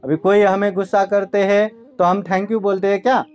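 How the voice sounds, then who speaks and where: A man, a Buddhist monk, telling a story in a sermon in a slow, conversational way, often checking in with his listeners. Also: sits high, little pitch movement, a little mellow, clean tone.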